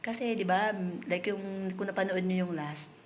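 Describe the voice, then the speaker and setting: A woman's voice: mid-range voice, steady tone, normal speed, a little hiss or hum. A woman from the Philippines, chatting emotionally and directly with viewers on a live stream, speaking into a phone outdoors. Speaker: livestreamer. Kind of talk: casual live-stream chat.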